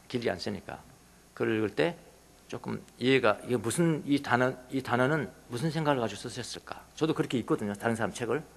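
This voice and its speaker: A male pastor preaching a sermon in a church, swinging from hushed asides to loud exclamations. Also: medium pitch, breathy edge. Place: church sanctuary. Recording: long reverb of a church hall.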